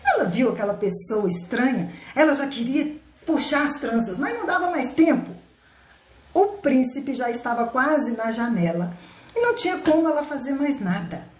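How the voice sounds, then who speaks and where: A woman telling a fairy tale live to her viewers, animated and chatty, often laughing. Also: high voice, normal speed. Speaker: storyteller. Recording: roomy echo.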